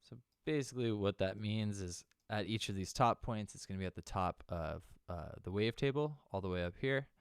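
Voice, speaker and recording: A young man with a deep, smooth voice walks through a software synth tutorial. His talk is loose and conversational, full of small fillers. The sound is close and dry, with no room echo. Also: brisk, few pauses. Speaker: music producer teaching synth sound design.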